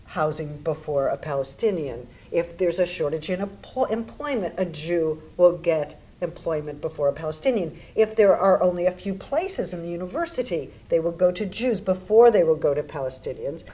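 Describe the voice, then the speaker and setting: A woman in a documentary interview, laying out points in a measured way. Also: lowish voice, animated, warm tone, poor audio.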